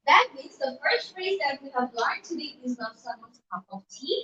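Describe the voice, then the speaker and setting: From a room at home, a high-voiced woman teaches English on a live stream, switching between Bengali and slow, deliberate English. Her sharp voice swings widely in pitch, and the dull home mic catches her from a distance in an echoey space with faint background noise.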